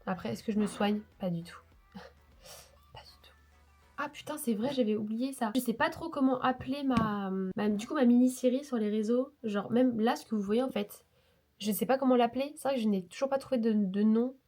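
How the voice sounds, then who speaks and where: A woman's voice: fairly high pitch, a little fast, a little mellow, faint music behind. A woman vlogger with a cold, talking in a nasal voice, chatting casually and rambling with self-mocking asides. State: sick with a cold. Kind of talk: casual vlog chat. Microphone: lapel mic into phone.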